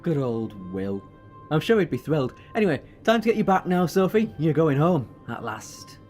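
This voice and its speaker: A man acting in an audio drama as a kindly, whimsical time-travelling adventurer, expressive and theatrical. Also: a little high, normal speed. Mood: wistful. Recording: faint music behind the voice.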